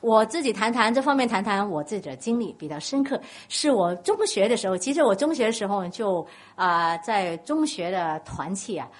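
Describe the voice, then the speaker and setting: A woman's voice: mid-range voice, normal speed, hardly any pauses. A woman from Guangdong with a Cantonese accent, preaching a sermon and telling stories while putting questions to the congregation. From Guangdong, China. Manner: animated storytelling, questions to the congregation.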